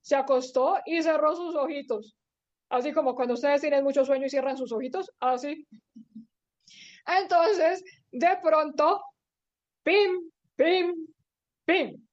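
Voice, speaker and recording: High, playful woman telling a children's story. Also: normal speed. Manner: playful and animated, with sound effects and diminutives. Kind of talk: bedtime story told to children. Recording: dull lo-fi recording.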